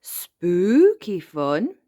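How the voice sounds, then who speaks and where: A woman voicing a cheerful, excitable little girl piglet, reading a storybook aloud with a bouncy, eager manner. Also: on the high side, takes it slowly, no echo, studio quality, pitched above the performer's own voice. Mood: excited.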